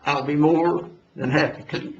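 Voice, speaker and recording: A man's voice: on the high side, steady tone, moderate pace, distant mic. Elderly man in an echoey room. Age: about 80. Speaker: retiring county tourism director. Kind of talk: informal thank-you remarks. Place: public board meeting room. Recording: echoey room, dull, faint noise.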